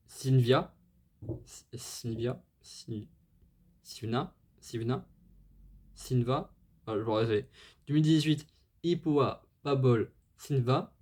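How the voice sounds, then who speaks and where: A man's voice: mid-range voice, dark tone. A man hosting a music channel, presenting a band's history casually, hesitant and full of fillers, apologizing as he stumbles over foreign names, enthusiastic about the music. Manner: hesitant, many fillers and restarts.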